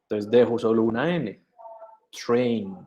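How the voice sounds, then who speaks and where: Slow-speaking male English teacher. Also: mid-range voice, animated, dull audio, slight background noise. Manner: slow, patient, mixes English and Spanish. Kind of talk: online class, bilingual teaching. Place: video conference.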